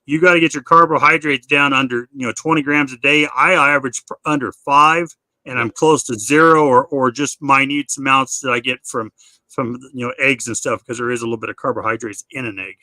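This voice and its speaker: A man's voice: mid-range voice, steady tone, a little fast, sharp tone, dry recording. Casual guy in middle age, live q&a host, loops back on his words, dry close sound. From United States. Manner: rambling, repeats and restarts words.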